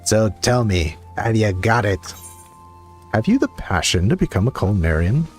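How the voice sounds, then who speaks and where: A man's voice: fairly low pitch, sing-song, moderate pace, faint music behind. Man doing a blustering old pirate chef. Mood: gruff. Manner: pirate drawl with rough, blustering bravado. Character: gruff old male pirate cook guildmaster. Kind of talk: reading game dialogue aloud.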